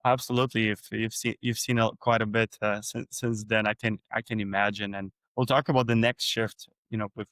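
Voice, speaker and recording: Chatting casually as he interviews a guest, this European podcast host poses curious questions in a lowish, level voice with a fairly bright tone. He talks fairly quickly with hardly any pauses, and the recording is dry.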